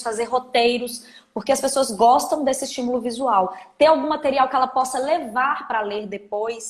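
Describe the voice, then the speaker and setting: A woman with a Brazilian Portuguese accent leads a live online training session and explains each point with emphatic, everyday examples. Her voice sits a little high. The sound comes through a video call microphone, with a roomy echo around it. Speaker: communication trainer.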